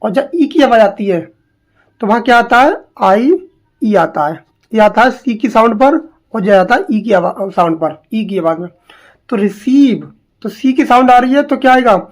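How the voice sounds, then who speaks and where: Slow, drilling woman teacher. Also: a little high, expressive. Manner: slow, drilling, repeats words and asks questions. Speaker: English teacher. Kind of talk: spelling lesson for exam students.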